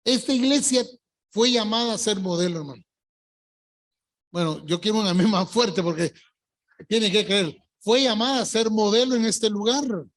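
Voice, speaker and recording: Older man, pastor, sermon delivery, emphatic, drags out key words. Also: sits high. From Colombia. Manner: emphatic preaching, stretching key words slowly. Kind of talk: evangelical sermon. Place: church service.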